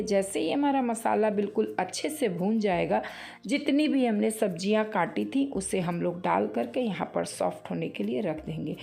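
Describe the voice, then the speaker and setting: A woman's voice: medium pitch, creaky, a little mellow. A woman, a cooking channel host, giving a homely, explanatory recipe tutorial voice-over and talking straight to her viewers.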